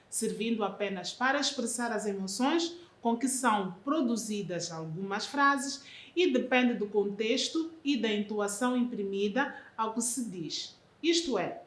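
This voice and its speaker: A woman teacher reads a grammar lesson at an unhurried, deliberate pace. Her voice rises and falls in lively swings as she walks through each point. The recording carries a noticeable echo from the room. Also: on the high side. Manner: slow, careful classroom delivery.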